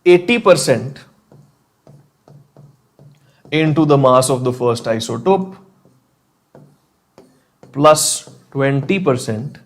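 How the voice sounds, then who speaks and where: Indian male online chemistry teacher, medium pitch. Reassuring, conversational with students, drops Hindi phrases into English. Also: slow, pauses often. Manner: encouraging, reassuring, often checking in with "okay". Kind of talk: live online lesson, talking to students in chat.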